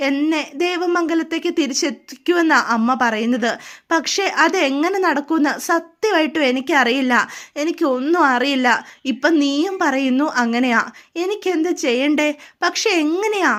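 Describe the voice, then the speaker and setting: A despairing young wife pleads and repeats that she knows nothing, helpless and tearful, as a woman puts her on. The voice sits high, close to the teller's own. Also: normal speed, fairly bright tone. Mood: distraught.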